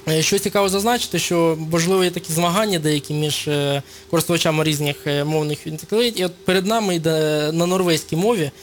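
A man's voice: fairly high pitch, steady tone, fast talker, hardly any pauses, a little hiss or hum. A man speaking as a guest on a radio show, explaining at length with frequent hesitations and fillers. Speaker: studio guest. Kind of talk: radio interview.

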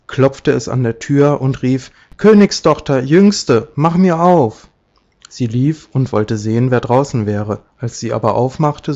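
Man telling a fairy tale, measured and expressive, muffled lo-fi audio. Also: medium pitch. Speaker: storyteller.

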